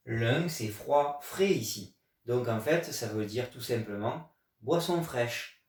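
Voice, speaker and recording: A man's voice: medium pitch, expressive, takes it slowly, distant mic. A man from France teaching a video language lesson, explaining patiently and stressing key words. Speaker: Chinese teacher. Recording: echoey room, voice away from mic.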